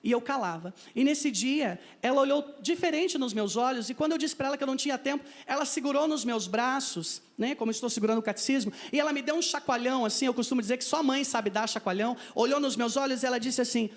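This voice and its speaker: Brazilian guy telling his testimony at church, talks really fast, acts out the quotes. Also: extremely high pitch. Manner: vivid storytelling, acting out quoted dialogue. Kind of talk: personal testimony. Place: parish church.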